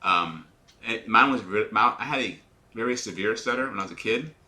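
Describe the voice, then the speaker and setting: Here a pilot does live simulator commentary, his fairly low, sharp voice moving a little fast. He puts on a radio-announcer persona while explaining each checklist step, and small repetitions and restarts creep in.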